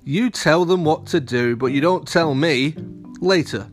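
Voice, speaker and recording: A man reading the lines of a huge, brash male monster student in a dismissive tone, close to his own slow storytelling voice. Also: fairly high pitch, soft background music, natural voice.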